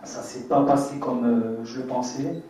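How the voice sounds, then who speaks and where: A French man in his twenties speaks earnestly at a public debate, hesitant and full of fillers and restarts, in a mid-range voice with fairly even intonation and an unhurried pace. The echoey hall, distant mic, and noisy background make the sound dull.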